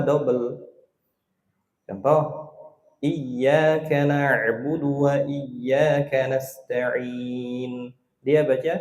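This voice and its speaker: A middle-aged male religious teacher giving a casual study lesson, talking conversationally and drawing out recited verses slowly as examples. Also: medium pitch, mellow, echoey room.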